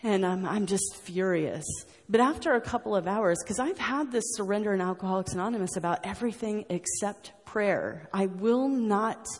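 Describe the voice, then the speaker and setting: An American woman shares her personal story with the audience at a recovery meeting, earnest and rambling, with many fillers and restarts. Her voice is medium-pitched at a normal speed, and the sound is that of a big room.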